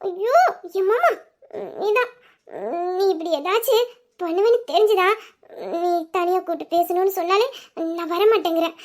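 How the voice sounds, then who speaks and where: A woman's voice: very high voice, normal speed, a little mellow. A woman voicing a shy, affectionate young bride in a romantic audio drama, coy and teasing, then tearful and gushing.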